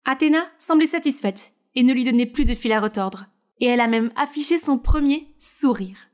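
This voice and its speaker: A woman narrating an animated story in a scripted, storytelling tone. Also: high voice, moderate pace.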